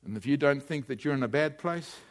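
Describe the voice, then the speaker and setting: A man preaching a sermon, urgently pleading with the congregation, rising to loud appeals and dropping to hushed warnings. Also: medium pitch, brisk.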